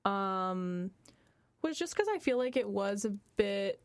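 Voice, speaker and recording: A young woman chats through a film review on a college radio show, filling her sentences with "um" and "like." Her voice sits at an ordinary middle pitch. It sounds close and dry, with no room around it. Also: lively intonation, takes it slowly, no room sound. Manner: chatty, many fillers like um and like. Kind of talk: casual film review chat.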